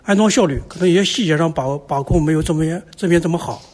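A man from China on the technical staff, explaining his view in a measured way. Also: a little high, darkish tone. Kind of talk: interview answer through interpreter.

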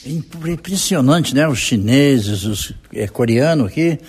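Brazilian reporter man, husky voice, direct questions, echoey hall. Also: mid-range voice, animated, measured pace, darkish tone. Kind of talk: on-site news interview questions.

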